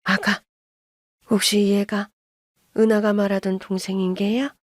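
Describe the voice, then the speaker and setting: A woman's voice: mid-range voice, level tone, unhurried, no room sound, clean studio sound, lightly acted. A woman voicing an older grandmother who pleads and apologizes in a coaxing way. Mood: pleading.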